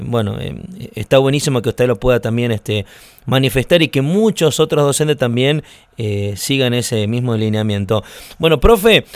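A man's voice: mid-range voice, clean tone, no room sound. A man hosting a radio interview, hesitant and full of fillers. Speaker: radio host.

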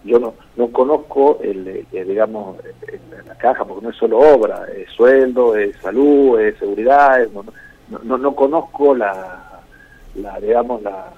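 Argentine man, husky and gravelly, minister on a tinny phone line, halting then emphatic. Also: medium pitch, animated, no room sound. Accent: Argentine Spanish. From Jujuy, Argentina. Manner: hesitant, repeats words, then emphatic listing. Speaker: provincial minister. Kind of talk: radio interview by phone.

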